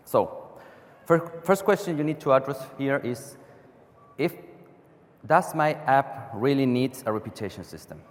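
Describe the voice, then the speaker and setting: A Chilean man with a medium-pitched voice gives a technical conference talk in a large hall whose long reverb echoes around him. His phrasing sounds non-native, he often restarts, and he keeps tossing in a rhetorical "right?"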